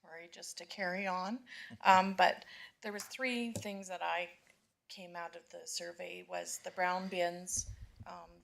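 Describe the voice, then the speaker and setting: Woman, low-ish voice, gravelly creak, hesitant, fillers, councillor questions. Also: fairly even intonation, unhurried, a bit bright. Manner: hesitant, many fillers, asks follow-up questions. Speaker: town councillor. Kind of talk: council meeting discussion. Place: council chamber.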